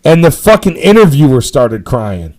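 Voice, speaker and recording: A man's voice: medium pitch, very animated, moderate pace, darkish tone. A middle-aged man hosting a powerlifting live stream, telling stories in a rambling, profane, emphatic way. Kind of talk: casual storytelling chat.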